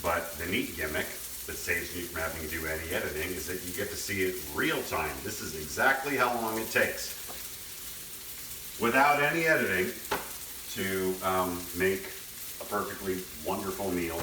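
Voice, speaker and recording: Low-voiced man cooking in a noisy kitchen. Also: lively intonation, normal speed. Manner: folksy, rambling, self-deprecating. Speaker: home cook hosting a cooking video. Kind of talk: casual unedited cooking commentary. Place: indoor kitchen. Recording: roomy, distant mic, noisy frying sizzle. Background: food sizzling in a pan.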